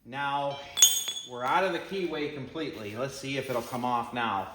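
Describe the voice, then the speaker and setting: A man talks through a repair job in a casual, hands-on way. His voice sits at a middle pitch. The recording is roomy and echoey, with very loud clanking workshop noise behind him. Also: moderate pace. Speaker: vlog host doing mechanical repairs.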